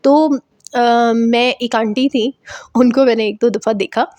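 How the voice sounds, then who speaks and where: A woman's voice: a little high, steady tone, measured pace, darkish tone, no echo. A woman vlogger giving casual advice to camera, chatty and repetitive, dropping in English words. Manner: chatty, repeats herself, mixes in English words.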